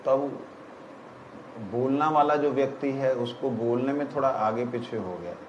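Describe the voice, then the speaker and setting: A man giving a spiritual discourse on scripture, explaining verses slowly and often checking whether his listeners have understood. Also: medium pitch, reverberant, highs cut off, slight background noise. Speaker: spiritual teacher.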